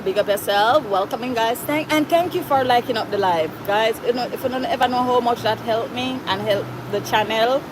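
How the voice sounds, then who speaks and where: Reading out comments from her viewers, a woman hosts a casual livestream in a Jamaican accent, mixing in bits of Patois. Her pitch is mid-range, and there's noise in the background.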